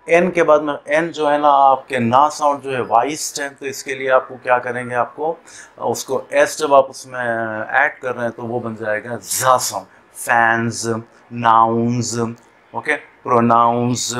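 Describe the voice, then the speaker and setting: A man gives a classroom lesson on English pronunciation at an unhurried, slow pace. His voice sits in a middle pitch, and he draws out each example word, repeating it deliberately for the learners. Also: bright, forceful tone. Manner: repeats example words slowly, drawn-out teacher speech. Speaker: spoken English teacher.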